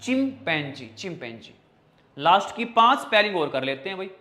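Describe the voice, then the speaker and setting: With big pitch swings, a sharp tone, and a moderate pace, a high-voiced Hindi-accented man teaches English vocabulary online. He asks questions only to answer them himself, spells words piece by piece, and refers to learners as brother and child.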